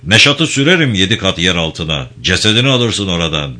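A man's voice: sits low, very animated, brisk, pushed and bright, full character voice. A man reading an audiobook, voicing a domineering bey who makes possessive threats. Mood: menacing. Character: domineering, menacing older bey. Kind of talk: audiobook character voice.

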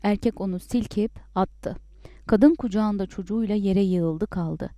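A woman narrating a story as an audiobook in a calm, measured way. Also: mid-range voice, dry recording.

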